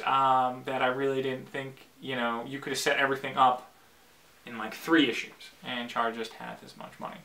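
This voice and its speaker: A man hosting his own show alone in a basement, talking casually and excitedly, rambling with loud bursts of enthusiasm. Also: medium pitch. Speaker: podcast host. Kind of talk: casual solo talk.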